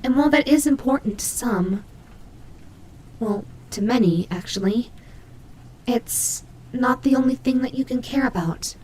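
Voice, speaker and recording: A woman voicing a tsundere nightmare animatronic rabbit, gruff but protective, in an intimate, hesitant roleplay audio drama style. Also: fairly high pitch, slight background noise, natural voice, low-quality recording. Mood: gentle, reassuring. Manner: hesitant, halting, flustered tsundere softness.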